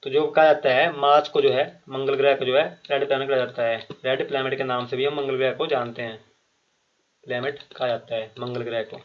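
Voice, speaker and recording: A man's voice: mid-range voice, level tone, fairly quick. A man teaching an exam-prep quiz lesson, reading each question and its options aloud, repeating them, then explaining the answer with fillers and restarts. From Himachal Pradesh. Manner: frequent fillers and restarts, addresses viewers directly. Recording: muffled lo-fi recording.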